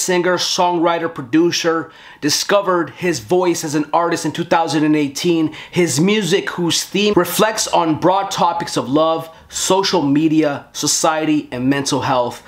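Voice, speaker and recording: A man hosting a podcast interview from a music studio, talking in a hyped, slangy, energetic way. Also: a little high. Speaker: podcast host. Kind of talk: casual interview. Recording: roomy studio with faint noise.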